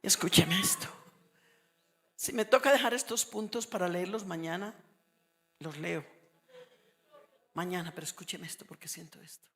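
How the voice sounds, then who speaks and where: A middle-aged woman from Colombia preaching a sermon, moving between hushed storytelling and loud, shouted exhortation. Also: fairly low pitch, normal speed, long pauses. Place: church. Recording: reverberant church hall.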